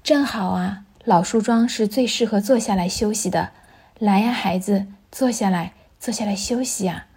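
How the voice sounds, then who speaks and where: A woman voicing a gentle, loving tree in a children's storybook reading, speaking softly and tenderly. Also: mid-range voice, normal speed, slightly rough.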